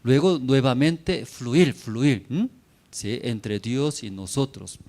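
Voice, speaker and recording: A man's voice: mid-range voice, slow, darkish tone. A man preaching a sermon in a church, in simple broken phrases, constantly checking in with his listeners through short tag questions.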